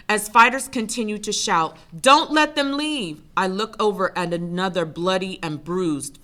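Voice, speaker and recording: A woman's voice: on the low side, bright, forceful tone. Intense woman performing spoken word. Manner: intense, measured first-person narration.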